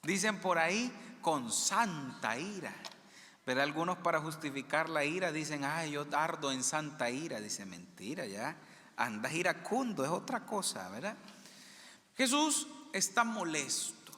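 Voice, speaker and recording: Priest preaching in an echoing church. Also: male voice, a little high, big pitch swings, measured pace, pushed and bright. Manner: questions the congregation and repeats their answers. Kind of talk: interactive homily. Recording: long church reverb.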